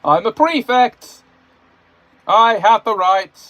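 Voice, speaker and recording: A man voicing a small, bossy male steam engine who yells orders in a loud, pompous voice. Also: very high-pitched, very animated, slow, no echo, dull audio, pitched above the performer's own voice, exaggerated voice. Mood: bossy shouting. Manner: yelling orders.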